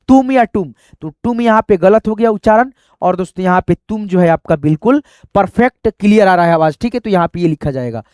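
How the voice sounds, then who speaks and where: A man's voice: high-pitched, darkish tone, dry recording, studio quality. A man teaching a reading lesson, patiently repeating each step and addressing viewers as friends. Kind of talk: explaining a spelling lesson.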